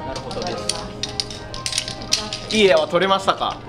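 A man's voice: high voice, lively intonation, unhurried. A man with a Tosa accent chatting politely and a little sheepishly in an on-location video clip. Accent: Tosa dialect of Kochi. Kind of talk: casual on-location video chat. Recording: distant, roomy video clip audio. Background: loud music.

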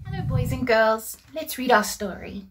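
A woman's voice: a little high, animated, normal speed, a bit bright, poor audio. A young woman reading a children's storybook aloud to young listeners. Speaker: story reader. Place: indoors in a plain room.

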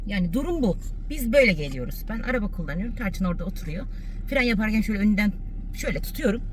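A mother vlogging casually, coaxing and calling to her dog in a high sing-song voice. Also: animated, rapid-fire, slight background noise. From Turkey. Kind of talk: casual family vlog.

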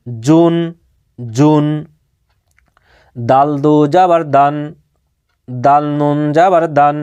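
Man, religious reading teacher, slow deliberate pace, smooth clear voice, patient repetition. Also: fairly high pitch, a little mellow. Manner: patient, repeats each syllable twice. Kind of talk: slow spelling-out recitation lesson.

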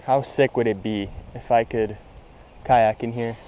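With a medium-pitched, mellow voice and fairly even intonation, a young adult man fishes at a pond, narrating to himself casually and sarcastically at a measured pace. He's a fishing vlogger outdoors in tall grass, wearing a head-mounted action camera. The audio is dull, carrying a little hiss or hum.

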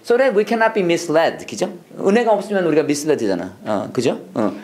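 An English prayer instructor giving a classroom lecture, drilling phrases call-and-response style, urging the class to go faster, and breaking in with joking asides. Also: mid-range voice. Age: adult, past seminary studies. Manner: energetic, coaxing, repeats drill phrases and urges speed; jokey asides and chuckles between drills.

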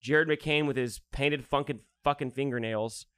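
A man co-hosting a casual sports podcast, blunt and profane, telling animated stories. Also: mid-range voice, normal speed, smooth, dry recording. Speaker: podcast co-host.

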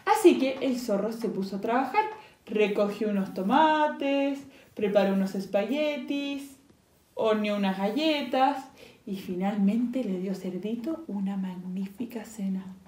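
A woman teacher reading a children's story aloud, pausing to ask the children questions in soft whispered asides. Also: medium pitch. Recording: echoey room.

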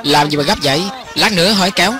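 A man reading every part of a film as a voice-over, in an even and lightly acted way. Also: fairly high pitch, fast, music in the background. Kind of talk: lector voice-over reading all parts.

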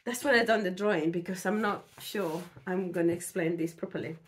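A woman sewing vlogger, hoarse from a cold, chatting casually about her projects in a rambling way with fillers and restarts. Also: lowish voice, fairly quick. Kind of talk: casual chat.

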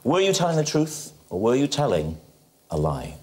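A man's voice: medium pitch, wildly swooping pitch, moderate pace, a little mellow. Playful man hosting a comic panel show. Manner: playful teasing, slips into impressions. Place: TV studio with audience. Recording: studio audience laughter and heavy noise.

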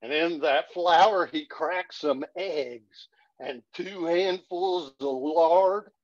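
A man's voice: fairly high pitch, very slow. A man in his sixties with a folksy cowboy drawl, telling stories and reciting cowboy poetry on a video call. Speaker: cowboy poet and storyteller. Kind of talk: reciting humorous cowboy poetry to an online audience. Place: small curtained room at home, indoors. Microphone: video call, computer at arm's length. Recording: dull, echoey webcam audio.

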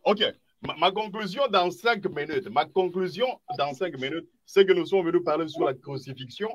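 Guy in a debate, kinda high voice, stammers and cuts in, worked up. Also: normal speed. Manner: agitated, interrupting, stammers in bursts. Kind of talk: heated debate.

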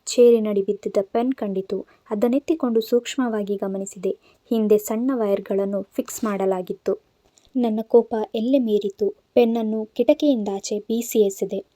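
A woman's voice: mid-range voice, steady tone, normal speed, dark tone, dry recording. A woman reading an audio novel aloud, telling a man's story in first person and voicing its characters. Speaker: narrator. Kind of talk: Kannada audio novel narration.

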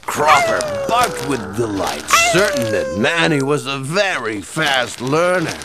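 A man narrating a children's cartoon story in a gentle, measured way. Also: medium pitch, wildly swooping pitch. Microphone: studio voice-over. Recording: music bed under the voice.

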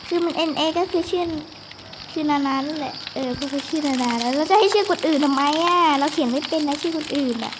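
A woman's voice: high-pitched, fast, noisy background. A young girl giving casual, chatty game commentary, often exclaiming and talking to her viewers. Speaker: gaming video host.

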